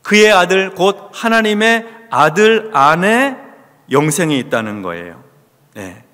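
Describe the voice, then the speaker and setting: A man's voice: high voice, sing-song, a little slow, sharp tone. A man preaching a Bible study sermon as pastor in a church, asking the congregation questions and answering them himself. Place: church sanctuary. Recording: long hall reverb.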